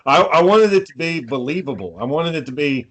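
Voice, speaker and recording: A man's voice: fairly high pitch, lively intonation, brisk, fairly bright tone. Profane, laughing filmmaker man. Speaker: podcast co-host, filmmaker. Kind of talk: casual banter.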